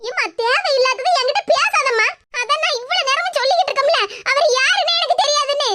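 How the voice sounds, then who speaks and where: A woman's voice: extremely high pitch, fast, very noisy. A woman voicing a defensive young college student in a cartoon, with a Kanyakumari Tamil accent. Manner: pleading, defensive. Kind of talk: cartoon comedy dub.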